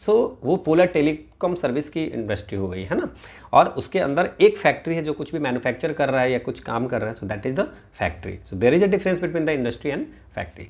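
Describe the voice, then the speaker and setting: A man's voice: a little high, expressive, moderate pace, darkish tone. A man giving an exam-prep lecture in a mix of Hindi and English, often asking "है ना?" and "ठीक है" to check on his students. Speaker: teacher.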